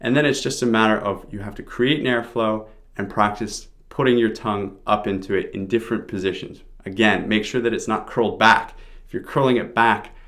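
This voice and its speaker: A man's voice: fairly low pitch, steady tone, brisk, a bit bright. A man giving an informal pronunciation lesson, explaining sounds step by step as a teacher.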